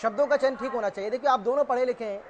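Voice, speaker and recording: Quick high-voiced news anchor guy, keeps begging panel to get back on topic, faint noise. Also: dull audio, over a noisy crowd. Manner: pleading, repeating phrases to restore order. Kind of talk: moderating a TV debate.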